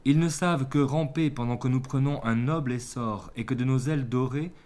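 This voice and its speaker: A man's voice: mid-range voice, fairly quick, a little mellow, natural voice. A man voicing a proud bee ambassador pleading before the gods in a fable reading. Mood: boastful. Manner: grandiloquent, boastful.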